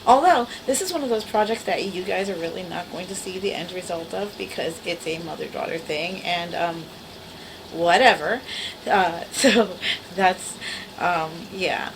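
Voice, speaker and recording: A woman's voice: on the low side, unhurried, background noise. A woman in her forties with a small, girlish voice, chatting casually and wryly to her camera at home. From the Bronx, New York. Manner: rambling, self-deprecating, wry. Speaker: vlogger. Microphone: camera mic.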